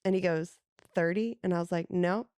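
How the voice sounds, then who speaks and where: A woman's voice: fairly low pitch, fairly even intonation, normal speed, a little mellow, clear, resonant tone, dry recording. A woman in her forties co-hosting a podcast, telling stories in casual chat and acting out the dialogue. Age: 40s. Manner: chatty storyteller acting out dialogue. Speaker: podcast co-host.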